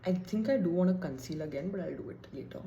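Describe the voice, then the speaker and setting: Young woman vlogger, low voice, rambling chatty self-talk, roomy echo. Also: fast talker, mellow, lo-fi sound, slight background noise. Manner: chatty, thinking aloud, self-deprecating. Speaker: beauty vlogger. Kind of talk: casual get-ready-with-me chat. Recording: echoey room.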